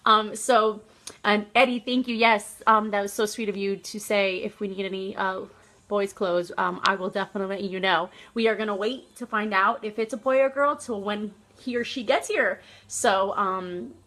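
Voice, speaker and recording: A young woman vlogger telling a personal story in a casual, animated way, laughing often. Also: mid-range voice, moderate pace.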